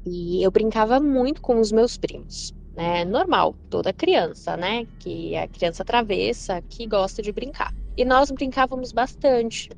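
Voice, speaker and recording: A woman's voice: mid-range voice, a little hiss or hum. A woman telling a personal story about a frightening childhood moment, earnest, with frequent fillers and repetition. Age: adult. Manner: earnest, repeats herself with many fillers. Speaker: listener sharing a personal story.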